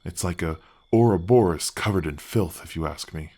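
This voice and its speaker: A man with a very deep, effect-lowered voice portrays a big male gargoyle who is eager to help, conversing gently in a fantasy ASMR roleplay at normal speed. Polite and a little hesitant, he seems a warm, shy guardian, though his mood here turns wry and concerned.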